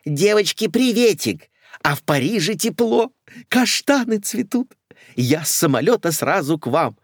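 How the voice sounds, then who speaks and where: A man's voice: high voice, big pitch swings, no room sound, clean studio sound, voice pushed up, exaggerated voice. A man voicing a chattering elderly lady who rattles on in an audiobook. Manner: rapid chatter.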